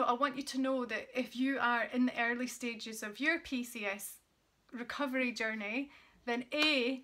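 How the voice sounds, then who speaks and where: A woman's voice: fairly high pitch, bright, forceful tone. A woman vlogger talking casually to camera, earnest and encouraging, with plenty of fillers.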